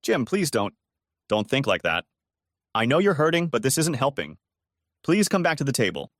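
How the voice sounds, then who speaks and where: A man voicing a calm, apologetic woman friend who pleads softly but firmly, in a told-aloud story. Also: mid-range voice, normal speed, dry recording, studio quality, voice pushed up, lightly acted. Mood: soothing. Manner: soothing, apologetic, insistent.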